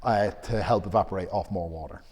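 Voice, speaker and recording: Low-voiced man explaining science casually. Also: a little fast, darkish tone, in a large hall. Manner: explanatory, hesitant restarts, laughs at own jokes. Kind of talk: casual podcast chat.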